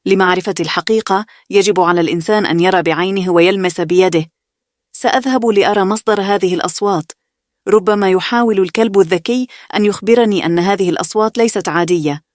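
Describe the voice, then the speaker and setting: A woman's voice: medium pitch, fast talker, no echo, clean studio sound, close to an everyday voice. A woman reading the part of a determined youngest brother, a young man, in a bedtime story. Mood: earnest. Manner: earnest, determined.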